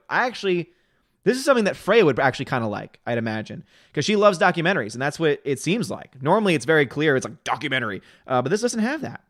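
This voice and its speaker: In a studio-quality, echo-free recording, a man in his 30s hosts a livestream and reads the chat aloud, giving his take in a chatty, opinionated way full of quick asides. His medium-pitched voice is a bit bright and somewhat tired.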